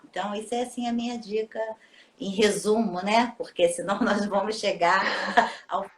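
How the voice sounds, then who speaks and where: A woman's voice: mid-range voice, fairly even intonation, normal speed. A woman teacher, patiently explaining in a casual live interview and often ending with tag questions. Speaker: teacher and children's book author.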